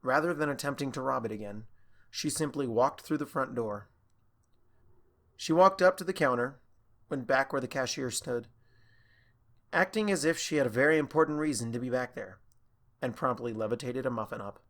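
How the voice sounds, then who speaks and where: A man narrating a fan fiction audiobook in a steady, even storytelling manner. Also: medium pitch, normal speed, long pauses.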